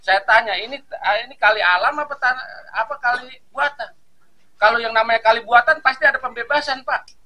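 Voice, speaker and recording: Indignant high-voiced man. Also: a little fast, sharp tone, rough recording. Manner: emphatic, indignant, repeats points. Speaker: local resident protesting a demolition. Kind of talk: heated street complaint to officials. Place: outdoors at a riverside settlement.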